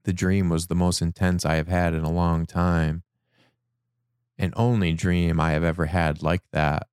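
A man reads from his personal dream journal in a slow, measured, reflective way. His voice sits very low and sounds clean and resonant. The recording is dry and close, with no room sound. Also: little pitch movement, darkish tone, clean tone, no room sound. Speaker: narrator.

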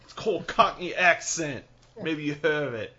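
A man co-hosting a podcast in casual chat, rambling and animated, laughing often. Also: a little high, moderate pace, lo-fi sound. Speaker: podcast co-host.

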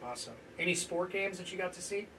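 Rambling, high-voiced male podcast host. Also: expressive, fast talker, bright, forceful tone, recorded from a distance, a little hiss or hum. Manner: rambling, lots of restarts and laughter. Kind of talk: casual sports chat.

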